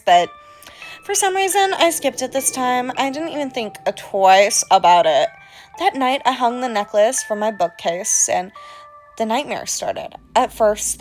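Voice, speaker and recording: A woman's voice: mid-range voice, natural voice. Woman putting on a theatrical, creepy horror-tale narrator. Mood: eerie, intrigued. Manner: theatrical, put-on accent, savoring the creepiness. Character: eerie collector of creepy trinkets telling a haunted tale. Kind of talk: dramatic first-person horror story reading.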